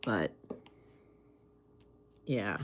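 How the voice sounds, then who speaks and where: A woman chatting casually in an unhurried, conversational way, with pauses as she replies to listeners. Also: slight background noise. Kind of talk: casual chat.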